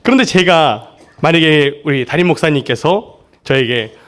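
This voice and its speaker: A man's voice: fairly high pitch, lively intonation, normal speed, a bit bright. A young man from Seoul, a junior pastor preaching a church sermon in a friendly, joking way. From Seoul, South Korea. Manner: friendly and joking, often laughing with the congregation. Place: church service.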